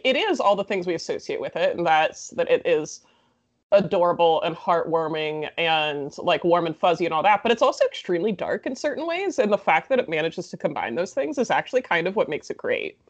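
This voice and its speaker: A woman hosting a podcast recaps a movie in casual, chatty conversation, sarcastic and packed with "like" fillers. Her voice sits on the low side, sing-song and fairly quick.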